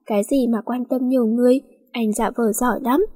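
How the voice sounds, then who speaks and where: A woman's voice: on the high side, fairly even intonation, brisk, dark tone, husky, no room sound. A woman doing a sulky snappish young woman. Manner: snappish, curt retorts. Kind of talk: storybook reading.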